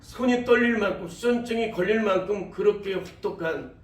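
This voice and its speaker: Speaking fairly quickly in a high voice, a male pastor recounts a testimony from the pulpit and dramatizes the cries and words of its characters. The sanctuary is echoey and he is distant from the mic.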